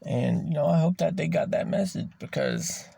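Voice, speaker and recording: A man talks on his podcast in a raspy, gravelly voice pitched a little high. He is blunt and profane and slows down to stretch the words he wants to stress. The sound is dry and close, with no room echo. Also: animated, mellow. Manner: raw, emphatic, swears freely. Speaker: podcast host. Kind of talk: candid personal monologue.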